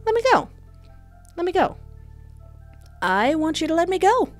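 A playful, cheeky, sassy young woman streams a horror game, reading its visual novel text aloud with lively reactions in a let's play. Her very high voice swings widely in pitch at a moderate pace, captured indoors at a desk by headset and close desk mic, with faint game music.

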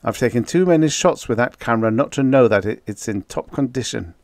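A man voicing a calm but insistent male fighter pilot. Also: medium pitch, a little fast, no echo, pitched above the performer's own voice, close to an everyday voice. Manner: earnest, insistent.

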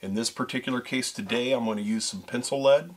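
A middle-aged man with a brisk, mid-range voice co-hosts a show as a fishing pro staffer, walking viewers through a how-to demonstration step by step. He talks straight to the audience, calling them folks and guys, from a small studio set with a backdrop.

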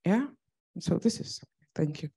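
A woman from South Sudan, an NGO director and activist, asking a measured, thoughtful question into a handheld mic in a conference hall. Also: fairly low pitch, animated, gravelly, mellow, husky. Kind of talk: floor question at a panel.

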